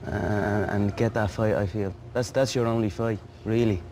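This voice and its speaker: A man's voice: lowish voice, steady tone, moderate pace, darkish tone, slight background noise. A man talking trash, goading another man.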